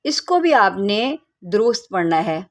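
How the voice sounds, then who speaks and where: A woman teaching Quran reading who spells each letter by its vowel mark, blends the syllables and repeats them, with quick explanations between. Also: medium pitch, very animated. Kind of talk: slow spelled-out recitation lesson.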